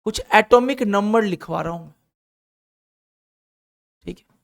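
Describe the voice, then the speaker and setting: Sitting high and a little slow, this man's voice has some vocal fry. He teaches chemistry with an Indian accent, keeping his lecture encouraging as he takes the class through call-and-response lists again and again.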